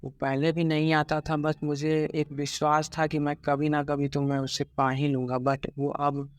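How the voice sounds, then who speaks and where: A young man talking in a halting, regretful way about his heartbreak in a personal vlog, with many pauses and restarts. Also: fairly high pitch, monotone, smooth, dry recording. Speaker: vlogger.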